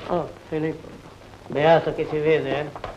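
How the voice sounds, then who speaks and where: A blunt old sea captain, voiced by an actor with a rather high voice that gives orders in short, offhand bursts. The sound comes through a muffled 1940s film soundtrack with a faint hiss. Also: male voice, level tone, measured pace, lightly acted. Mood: gruff.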